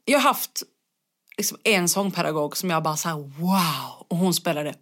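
Young adult female singer, low-ish voice, loose chatty storyteller, casual swearing. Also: a bit bright. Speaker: guest singer. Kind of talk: casual conversation.

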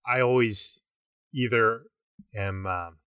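A man co-hosting a book podcast, speaking reflectively and hesitantly. His lowish voice has a bright edge and sounds a little distant from the mic in a dry room. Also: slow, smooth, dry recording. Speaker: podcast co-host. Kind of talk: casual book club chat.

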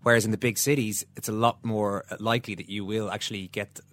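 A man with a Dublin accent hosts a casual sports conversation. He talks quickly, in a lowish voice. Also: steady tone, fairly bright tone. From Dublin, Ireland. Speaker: sports podcast host.

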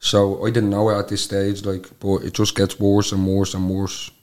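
A man's voice: low voice, monotone, moderate pace, darkish tone. A man in his twenties with a Dublin Irish accent, talking candidly in a casual interview with colloquial filler phrases. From Dublin, Ireland. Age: 20s. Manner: colloquial, peppered with "like" and "you know what I mean". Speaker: podcast guest.

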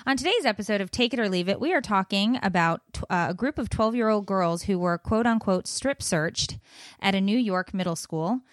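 A woman's voice: medium pitch, lively intonation, a little fast, no echo, clean studio sound. A woman co-hosting a parenting podcast in casual banter, joking and exaggerating in a supportive way. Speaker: podcast co-host and mother.

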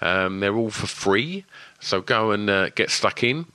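Essex guy w a lisp doing a chatty podcast intro, rambles on, bright and forward voice. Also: lowish voice, lively intonation, a little slow, dry recording. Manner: rambling, wittering delivery. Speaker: podcast host.

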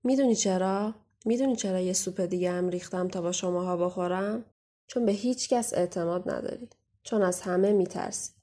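A woman's voice: on the low side, dark tone, natural voice. Sima, woman playing a scornful young waitress. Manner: scornful, taunting, bossy. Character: young female waitress, mocking, menacing, secretive. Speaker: guest voice actor. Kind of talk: audio drama acting.

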